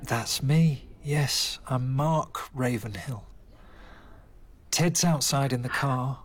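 A man's voice: mid-range voice, slow, slightly rough. An actor playing a patient, soothing grown son talking to his confused mother in a naturalistic audio drama. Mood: patient, gentle.

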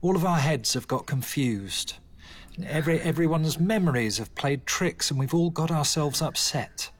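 A man's voice: a little high, animated, moderate pace, breathy edge. An actor playing a patient, soothing grown son talking to his confused mother in a naturalistic audio drama.

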